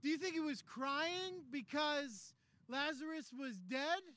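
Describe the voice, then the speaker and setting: A man preaching a sermon, telling the story conversationally and building to shouted climaxes. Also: extremely high pitch, takes it slowly. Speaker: pastor.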